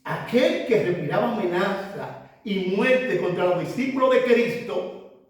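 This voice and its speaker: A man's voice: sits high, a little slow. A man preaching a sermon, emphatic and urging his listeners, often repeating phrases. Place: church. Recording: very echoey church hall, voice from far off.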